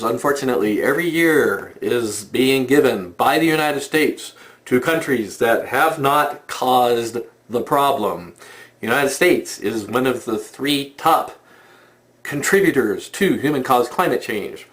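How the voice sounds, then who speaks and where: A man's voice: mid-range voice, animated, unhurried, a bit bright. A man giving opinion commentary in a sarcastic, mocking manner.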